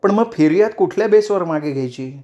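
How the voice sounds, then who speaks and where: A man's voice: sits high, lively intonation, fast, dark tone, lo-fi sound, voice pushed up. A man voicing a confident, proud woman politician in a storybook reading, firm and cutting. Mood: stern. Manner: firm, cutting, self-assured.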